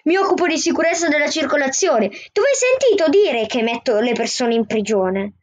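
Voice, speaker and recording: A woman voicing a kind male traffic policeman who talks calmly and reassuringly. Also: high voice, moderate pace. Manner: calm, reassuring.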